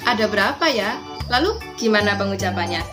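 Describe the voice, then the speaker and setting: A young woman teaching Mandarin pronunciation, slowly and deliberately drilling syllables one by one. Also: mid-range voice, lively intonation, over loud music. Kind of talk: pronunciation lesson.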